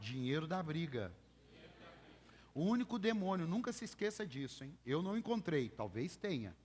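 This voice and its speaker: A Brazilian-accented man preaching in church, his voice sitting a little high. He drives his points home emphatically and keeps calling on the congregation to repeat after him. The sound carries a long hall reverb. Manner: emphatic, calls for congregation repetition. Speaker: pastor. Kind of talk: sermon.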